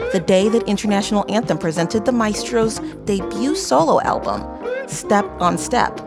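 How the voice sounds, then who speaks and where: A woman's voice: mid-range voice, creaky. A woman hosting a podcast, narrating and then talking emotionally on stage, close to tears. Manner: emotional, near tears, warm and enthusiastic. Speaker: podcast host. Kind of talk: narration then live onstage conversation. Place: front porch event with audience.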